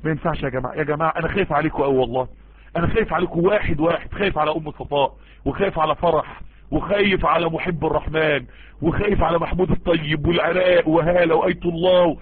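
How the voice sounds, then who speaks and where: Fast, husky Egyptian preacher on a tinny line. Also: male voice, on the high side. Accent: Egyptian Arabic. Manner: pleading, repetitive, emotional. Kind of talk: impassioned online sermon. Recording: tinny phone-like voice-chat audio.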